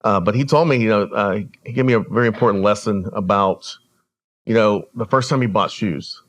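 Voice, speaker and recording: Low-voiced man telling a family story. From El Salvador. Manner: earnest, measured storytelling. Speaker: guest, regional director. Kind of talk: storytelling interview.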